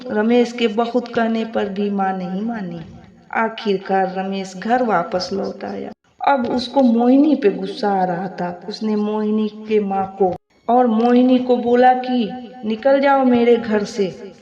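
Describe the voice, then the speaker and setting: Slow, echoey woman storyteller. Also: mid-range voice, warm tone. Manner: plain, moralizing telling. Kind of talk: storybook narration. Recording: echoey, slightly muffled home recording.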